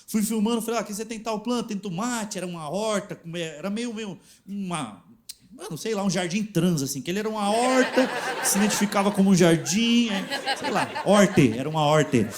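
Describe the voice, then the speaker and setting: A man doing stand-up comedy, telling a story on stage with animated, crude punchlines. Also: high-pitched, brisk. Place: comedy stage before audience. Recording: live show with crowd and noise. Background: audience laughter and noise.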